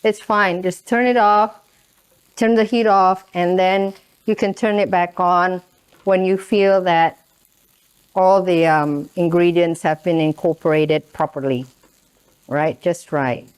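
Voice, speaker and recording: Over the sizzle of a pan, a woman from Indonesia talks viewers through a cooking demonstration in a chatty way, checking in with "right?" again and again. She speaks slowly in a lowish, clear, resonant voice with a fairly even lilt.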